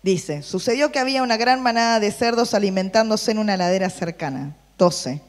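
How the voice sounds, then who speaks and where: Briskly and with a medium-pitched voice, a woman preaches to a youth group in a space with big-room sound. She is lively, asking the listeners questions and reading Bible verses and versions aloud.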